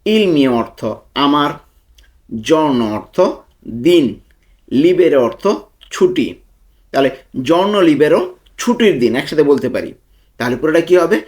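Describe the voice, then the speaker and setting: A man's voice: fairly high pitch, animated, measured pace, pauses often, a little mellow. A man teaching a language lesson, breaking each phrase into words and repeating them patiently. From Bangladesh. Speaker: language tutor. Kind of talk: slow spoken language lesson.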